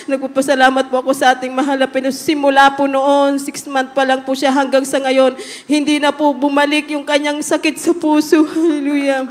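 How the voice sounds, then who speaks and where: A woman's voice: high voice, level tone, fairly quick. Fervent woman testifying in an echoing church hall. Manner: fervent, often calling out hallelujah. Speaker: church member giving testimony. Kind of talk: religious testimony before a congregation.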